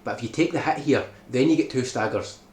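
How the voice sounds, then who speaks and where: A man's voice: medium pitch, brisk, darkish tone. A man narrating a game tutorial, walking through a speedrun strategy and often checking in with "right?". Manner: explanatory, keeps checking in with "right?". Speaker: speedrun guide maker. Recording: echoey room with background noise.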